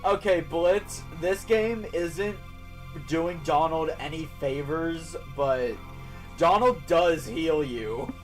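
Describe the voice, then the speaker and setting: A man's voice: fairly high pitch, slow pace, soft background music, poor audio. A man giving casual live let's play commentary as a game streamer, chatting as he goes.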